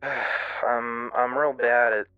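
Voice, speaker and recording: A man giving a candid, casual personal monologue as a streamer, in a halting, self-reflective way. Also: mid-range voice, steady tone, clean tone. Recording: muffled, roomy lo-fi radio-like sound, music behind. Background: music.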